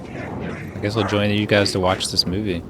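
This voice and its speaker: A man's voice: lowish voice, level tone, normal speed, noisy background. A young man streaming a game from a home room, rambling casually with lots of filler words into a desk mic. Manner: rambling, filler-heavy musing. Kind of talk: casual gameplay commentary.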